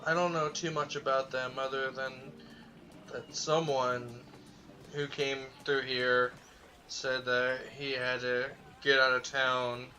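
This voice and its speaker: A man's voice: medium pitch, sharp tone, a little hiss or hum. A man voicing a male tavern keeper, casual and skeptical, during a tabletop game. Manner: casual, conversational.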